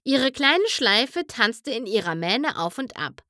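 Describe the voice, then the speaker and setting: A woman narrating a children's storybook in an expressive, animated way. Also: a little high, takes it slowly, no room sound, studio quality. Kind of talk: storybook reading.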